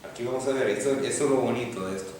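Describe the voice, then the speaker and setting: Speaking very fast in a medium-pitched, darkish voice, a man lectures on Hebrew grammar, patiently taking it step by step and checking in with the class. Faint noise and echo come through, as the classroom was recorded from a distance.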